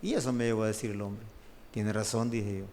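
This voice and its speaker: A middle-aged man with a Salvadoran Spanish accent, preaching a testimony sermon in an animated storytelling way, often addressing listeners as brother. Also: lowish voice, a little fast, a little hiss or hum. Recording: long hall reverb.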